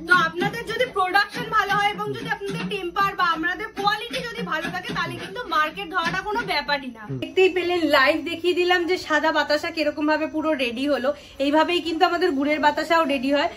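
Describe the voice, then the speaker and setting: A woman with a very high voice makes an upbeat, persuasive pitch. She talks quickly while walking the viewer through a demonstration. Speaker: machine company representative. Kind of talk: promotional on-site demonstration talk.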